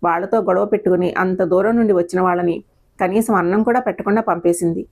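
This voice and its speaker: A woman's voice: lowish voice, fairly even intonation, fast talker, a little mellow. Woman reading an upset young tea stall guy, earnest, pleading, audio story. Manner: pleading, aggrieved. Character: young working man, hurt and earnest.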